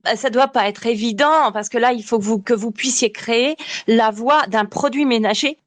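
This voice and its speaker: A woman with a slightly higher voice asks polite questions as a radio interviewer, moving the talk along with short prompts. Her voice is close and dry. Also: moderate pace, dry recording.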